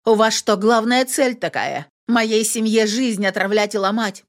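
A woman reading an audiobook, voicing a hot-tempered young woman who shouts in indignation. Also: on the high side, very animated, moderate pace, pitched above the performer's own voice. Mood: furious.

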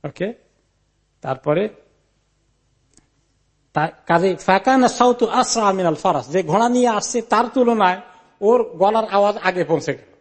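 High-pitched guy doing a quran commentary lecture, reads out arabic then explains it, drops english words in. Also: expressive, a little slow, pauses often. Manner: recites Arabic narration, then explains it in Bengali; mixes English words into his talk.

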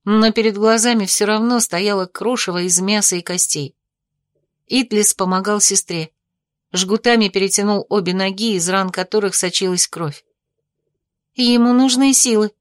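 A woman narrating a first-person audiobook in a steady, even reading voice. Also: medium pitch, moderate pace, dry recording.

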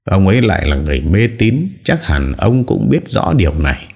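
Extremely deep-voiced male story narrator. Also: sing-song, fairly quick, a little mellow. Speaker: audiobook narrator.

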